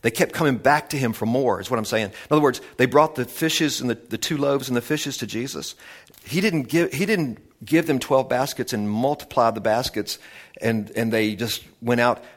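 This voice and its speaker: Male preacher, excited storytelling sermon delivery with lots of restarts. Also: medium pitch, moderate pace. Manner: animated storytelling with many restarts.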